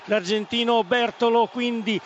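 A man giving urgent, excited live football updates as a radio commentator. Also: extremely high pitch, unhurried. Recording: muffled noisy outdoor radio feed.

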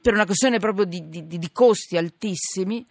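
A woman's voice: mid-range voice, a little fast, gravelly, no echo. Emphatic woman hosting live radio, dry studio sound. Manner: informal, emphatic, digressive with repetitions. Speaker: radio host. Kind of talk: live current affairs radio presenting. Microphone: studio broadcast microphone.

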